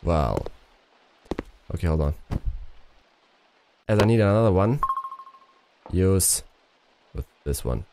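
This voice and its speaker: Low voiced guy streaming a puzzle game, mutters to himself, swears a bit. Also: very animated, slow, pauses often, background noise. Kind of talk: casual live-stream commentary.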